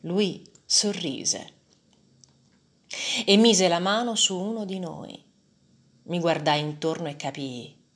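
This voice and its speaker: A woman reading a first-person story aloud in a measured, dramatic way. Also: lowish voice.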